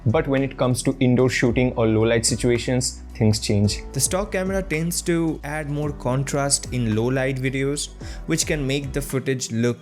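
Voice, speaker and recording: Male tutorial host, mid pitch, tidy and encouraging advice delivered step by step, faint music underneath. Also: normal speed, a little mellow. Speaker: host of a tech tutorial channel. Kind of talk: scripted tutorial narration, addressing viewers. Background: background music.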